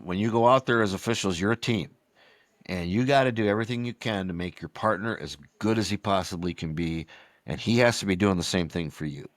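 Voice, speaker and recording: A deep-voiced man in his sixties, once a baseball umpire, tells long, digressive stories as a podcast guest, dramatizing other people's words. The recording is dry.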